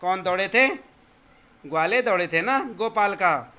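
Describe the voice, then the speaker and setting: A male teacher explaining a school lesson to children, patiently repeating words slowly so they learn the pronunciation. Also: high voice, bright, forceful tone, clean tone.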